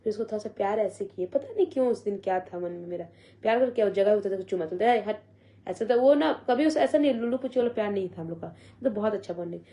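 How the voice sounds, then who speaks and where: Young woman, mellow dark tone, soft halting personal vlog storytelling. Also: mid-range voice, expressive. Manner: soft, halting retelling with many quoted voices. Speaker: vlogger.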